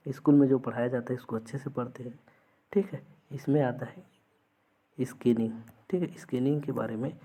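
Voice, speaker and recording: A man's voice: mid-range voice, warm tone, slightly rough, rough recording. A man teaching an exam-prep lesson, explaining through everyday examples and often checking that students follow.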